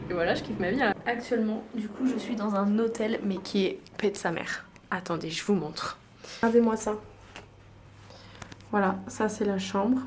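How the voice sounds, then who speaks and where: A woman's voice: mid-range voice, normal speed, darkish tone, a little hiss or hum. A young woman from France chatting in a casual travel vlog, slangy and upbeat, filmed on a handheld phone in a hotel room. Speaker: travel vlogger.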